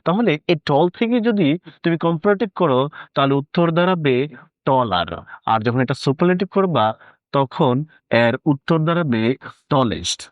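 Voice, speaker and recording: A man's voice: a little high, no room sound, dull audio. Man teaching grammar, asking and answering himself. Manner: addresses the student informally, asks and answers his own questions. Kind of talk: explanatory grammar lesson.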